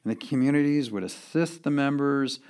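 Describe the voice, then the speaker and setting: Man, gravelly voice, earnest church history lecture, emphatic, lists points one by one. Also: mid-range voice, normal speed, darkish tone.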